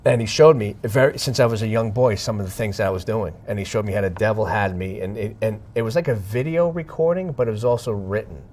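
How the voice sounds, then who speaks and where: A man sharing a personal testimony as an interview guest, speaking dramatically and swinging between hushed and loud passages while acting out the dialogue he recalls. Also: on the low side, fast, hardly any pauses, slight background noise. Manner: acts out dialogue in his retelling. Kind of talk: emotional storytelling.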